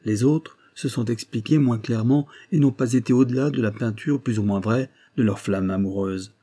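A man reading aloud, voicing a proud, composed young village woman who pleads her case in formal, measured speech. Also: medium pitch, dark tone, lightly acted. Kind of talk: audiobook reading.

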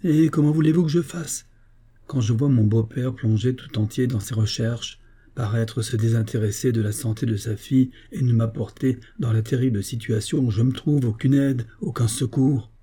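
A man's voice: mid-range voice, moderate pace, warm tone, husky, close to an everyday voice. A man reading the part of a desperate young husband who pleads in anguish for help. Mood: despairing.

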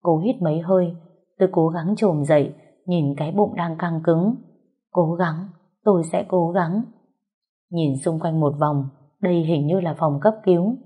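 A woman tells a first-person story with earnest feeling. Her voice is low and mellow, with a breathy, husky grain. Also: normal speed. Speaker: audiobook narrator.

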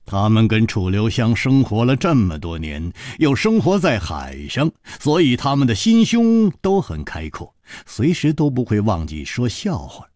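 A man's voice: mid-range voice, measured pace, hardly any pauses, dry recording, clean studio sound. A man reading a martial-arts novel aloud in radio storytelling style, acting out every character. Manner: expressive, acting out many characters. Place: studio. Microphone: studio mic.

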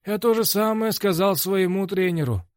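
A man doing a breezy, higher-voiced young fighter. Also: normal speed, no echo, studio quality, natural voice.

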